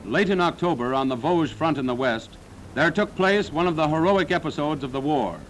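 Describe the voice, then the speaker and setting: A man's voice: fairly high pitch, normal speed, over loud music, rough recording. A man narrating a 1940s wartime newsreel in a dramatic, solemn, declaiming manner.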